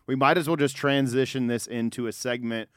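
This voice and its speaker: A man's voice: mid-range voice, steady tone, a little fast, smooth, no room sound, studio quality. A man co-hosting a music podcast, chatting casually with lots of fillers and easy swearing. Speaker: podcast co-host.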